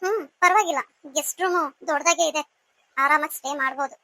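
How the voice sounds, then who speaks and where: A woman's voice: high voice, fairly quick, sharp tone, dry recording. A woman voicing a rude, scheming young woman in a cartoon serial, speaking in a haughty, mocking way.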